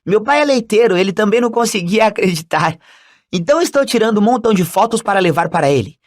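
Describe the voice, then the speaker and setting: A man voicing an eager, excitable young schoolboy fan in an audiobook, gushing out question after question. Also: high voice, pitched above the performer's own voice. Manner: breathless, gushing, rapid questions. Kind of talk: audiobook character voice.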